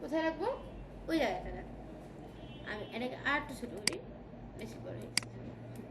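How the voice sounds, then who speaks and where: Female tutor with a Bangladeshi Bengali accent, high pitch, quizzes the class as she goes; roomy recording with audible noise. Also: lively intonation, fairly quick. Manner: checks in often with questions to students. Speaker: design tutor. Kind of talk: classroom software lesson. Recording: echoey room with background noise.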